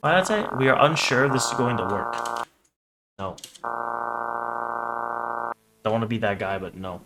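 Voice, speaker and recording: Over heavy background noise, a man with a mid-range voice livestreams his reactions to horror videos at normal speed, reading captions aloud and making joking, irreverent, sweary comments.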